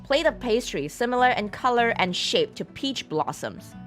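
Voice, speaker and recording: A woman's voice: a little high, sing-song, normal speed, a bit bright, faint music behind. A woman streamer giving casual game commentary, reading on-screen text aloud and swearing now and then.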